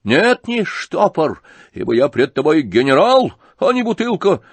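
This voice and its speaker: A man's voice: medium pitch, sing-song, slow pace, vocal fry, dry recording, voice pushed up, exaggerated voice. A man voicing a pompous, furious old retired general who declaims and thunders with indignation. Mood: thundering outrage.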